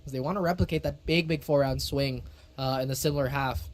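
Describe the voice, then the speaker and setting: A man casting an esports match with lively, theatrical play-by-play commentary. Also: mid-range voice, fairly quick. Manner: excitable, theatrical phrasing. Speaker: esports caster.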